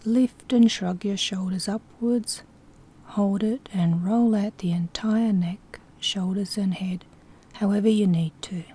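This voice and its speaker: A woman guiding a sleep hypnosis session speaks softly at medium pitch, her voice breathy and whispery. She soothes as she instructs, keeping everything gentle.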